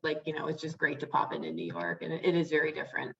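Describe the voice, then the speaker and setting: A woman's voice: low voice, steady tone, fast talker, vocal fry, fairly bright tone, muffled recording. A young adult woman, a florist guest on a video call, talking casually with many "like"s and "um"s. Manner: chatty, many fillers like "like" and "um".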